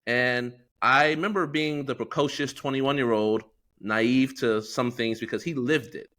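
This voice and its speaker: This is an American co-host of a podcast, a middle-aged man whose medium-pitched, fairly bright voice stays steady and unhurried. The talk is a casual podcast discussion, earnest and reflective, full of filler words.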